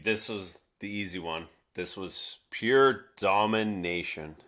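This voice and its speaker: Deep-voiced man analyzing sports. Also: fairly bright tone. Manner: measured, repeats words while building a point. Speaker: podcast co-host. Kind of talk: casual sports talk.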